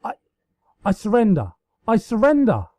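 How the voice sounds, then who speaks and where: A man voicing a haughty, excitable younger pony princess with archaic, melodramatic storybook speech. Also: high-pitched, moderate pace, no room sound, studio quality, pitched above the performer's own voice. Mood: breathless surrender.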